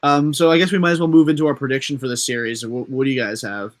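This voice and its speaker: A young man hosting a casual sports podcast, excitable and talking in bursts of emphasis. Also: medium pitch, fast talker. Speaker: podcast host.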